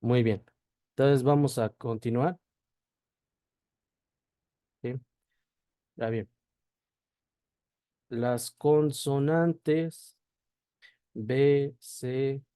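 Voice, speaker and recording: Male teacher, unhurried, warm low tone, keeps asking "¿sí?". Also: smooth, no room sound. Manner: checks in with a constant "¿sí?" after each point; spells out sounds slowly, one at a time. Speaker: language teacher. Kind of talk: slow classroom explanation.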